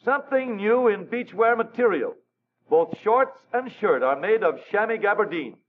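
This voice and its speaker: A man's voice: sits high, lively intonation, moderate pace, phone-quality sound. Scratchy 1930s newsreel announcer, man. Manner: wry, showy announcer delivery with asides. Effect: old newsreel sound. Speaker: newsreel narrator.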